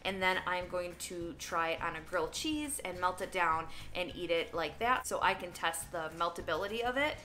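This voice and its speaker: A woman's voice: fairly low pitch, expressive, moderate pace, few pauses, sharp tone. A woman chatting casually while tasting food for a vlog, candid and talkative, sometimes talking with her mouth full. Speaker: vlogger. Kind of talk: casual taste-test vlog.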